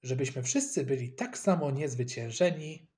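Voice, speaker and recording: A man reading a children's story aloud with lively, expressive narration. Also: medium pitch, normal speed.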